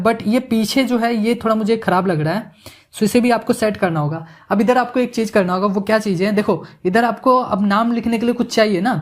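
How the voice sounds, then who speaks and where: A man giving a casual, joking software tutorial, mixing English words into his Hindi as he works. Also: high voice. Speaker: animation tutorial instructor.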